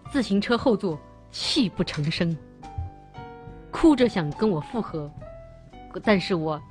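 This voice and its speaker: A playful woman hosting a livestream. She teases her viewers and reads out their messages, and her pitch swings widely from high to low. Soft music plays faintly behind her. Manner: playful and teasing, stammers and restarts. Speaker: livestream host. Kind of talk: casual chat with viewers.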